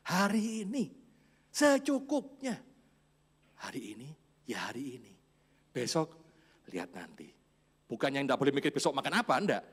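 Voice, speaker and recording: A man in his forties preaching a church sermon, storytelling with chuckles and quiet asides. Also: mid-range voice, very animated, fairly quick, long pauses, slightly rough. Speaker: pastor.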